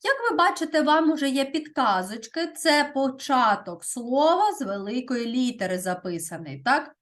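A woman teaching a primary school grammar lesson, speaking deliberately and often checking in with "так?". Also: sits high, lively intonation, a bit bright.

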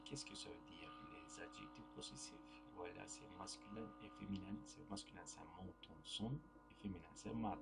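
A male teacher with Turkish as his first language walks pupils through French possessive adjectives at a deliberately unhurried pace, repeating each word and example several times. Music plays clearly behind him over a steady mains hum. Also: lowish voice. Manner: slow, repeats words and phrases, checks with "d'accord?". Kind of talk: classroom grammar lesson.

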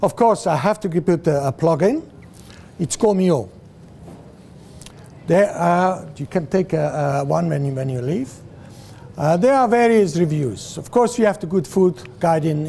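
This guest lecturer, a Swiss man in his sixties, talks to students in a classroom with a screen, gesturing and asking them questions amid plenty of fillers and restarts. His voice is a little high, gravelly and warm, animated and at a moderate pace. The far camera, with no mic visible, also catches slight background noise.

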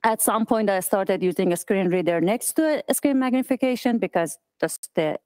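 A woman in her thirties who grew up in Iran gives a conference talk at an event, pausing often with fillers and restarting her sentences. Her voice is smooth and clear, with a middle pitch. The sound is dry. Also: mellow, no echo. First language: Persian. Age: 30s. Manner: halting, many fillers and restarts. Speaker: accessibility specialist speaker. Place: office event space.

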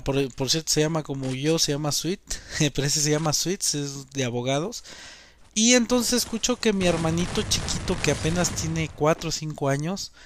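A man's voice: fairly high pitch, slight background noise. A young man ranting in a casual vlog, indignant and rambling with many filler words. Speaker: gaming youtuber.

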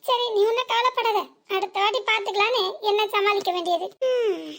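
Wheedling young daughter-in-law. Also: female voice, very high-pitched, fairly quick, a bit bright. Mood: sulky. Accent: southern Tamil, Tirunelveli area. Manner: wheedling, fake-pleading. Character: sly young village daughter-in-law, coaxing.

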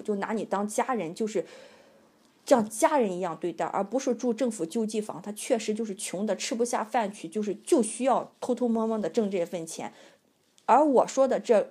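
A young adult woman vlogger telling a casual, animated and indignant story about a bad landlord. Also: mid-range voice, husky.

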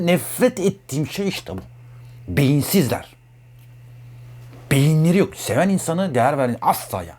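A man with a husky voice giving a heated, blunt talk as an astrologer. His pitch swings widely and he keeps hammering the same points. The tone is loose and off-the-cuff. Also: darkish tone. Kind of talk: casual monologue.

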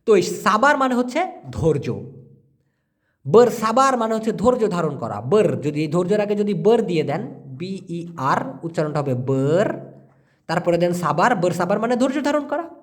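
Animated man teaching language. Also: sits high. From Bangladesh. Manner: animated, spells out and repeats words slowly. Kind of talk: answering viewer questions.

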